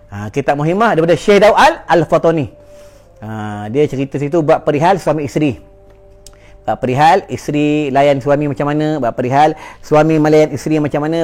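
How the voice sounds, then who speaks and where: A Malaysian Malay man preaching a sermon, swinging between loud exhortation and hushed asides. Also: fairly high pitch, fairly quick, faint music behind.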